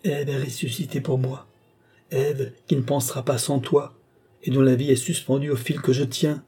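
A man's voice: mid-range voice, fairly even intonation, moderate pace, dark tone, slightly rough, voice pushed up. Man reading as a fervent alchemist. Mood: awed.

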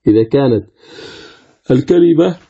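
A man's voice: mid-range voice, lively intonation, moderate pace, dark tone, husky. A man teaching Quranic recitation rules, asking questions and answering them himself while demonstrating pronunciations aloud. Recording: tinny phone-like audio.

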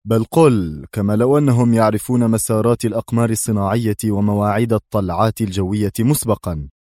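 A man's voice: on the low side, fairly even intonation, fast, warm tone, dry recording, clean studio sound, lightly acted. A man voicing a severe, commanding defense secretary. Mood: stern. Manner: curt and severe.

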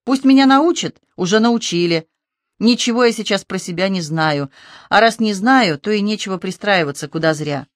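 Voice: mid-range voice, lively intonation, moderate pace, dry recording, studio quality, voice pushed up, lightly acted. A reader voicing a cheeky young man who jokes with his worried mother in a teasing, breezy way.

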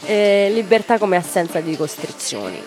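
Low-voiced woman, musing radio host. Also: sing-song, moderate pace, a crowd in the background. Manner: thinks aloud with frequent restarts. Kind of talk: casual radio chat.

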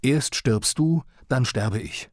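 A man's voice: medium pitch, lively intonation, a little fast, a little mellow, husky, dry recording, clean studio sound, voice pushed up. A man voicing an enraged father who screams hysterically at his young son. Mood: raging. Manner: shrieking, hysterical, threatening.

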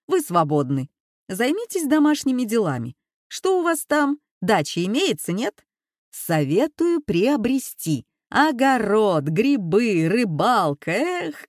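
A man's voice: high voice, no room sound, studio quality, heavily acted. A woman voicing a smug, condescending male university rector in an audiobook, patronizing and falsely cheerful. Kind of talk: audiobook reading.

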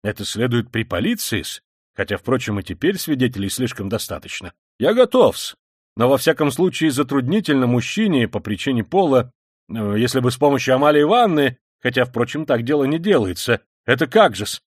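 A man's voice: mid-range voice, very animated, a little fast, no room sound, clean studio sound. A man voicing a pompous, unctuous middle-aged official who talks with fussy formality. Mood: flustered. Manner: pompous, unctuous, deferential "-s" endings.

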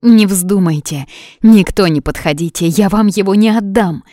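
A woman's voice: medium pitch, moderate pace, warm tone, dry recording, clean studio sound, pitched above the performer's own voice, lightly acted. A woman voicing a grieving, stubborn young witch who pleads and defies in a raised voice in an audiobook. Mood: defiant.

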